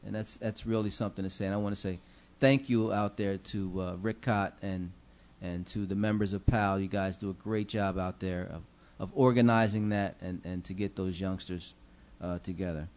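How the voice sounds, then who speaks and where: Deep-voiced and darkish in tone, a middle-aged city commissioner speaks with fairly even intonation at a moderate pace, pausing little. His holiday remarks are earnest and preacherly with many fillers, delivered from the council chamber dais into a gooseneck desk microphone.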